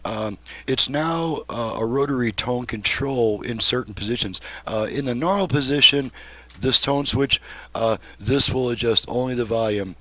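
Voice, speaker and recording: A repairman casually demonstrates a restored car radio, explaining each step in a plain-spoken, hands-on way. His medium-pitched voice is a bit bright and moves at a moderate pace.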